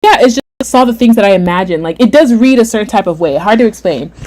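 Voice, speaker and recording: A young adult woman hosting a casual livestream chat, reading viewer comments aloud, animated and repeating herself often. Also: medium pitch, quick pace. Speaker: livestream host.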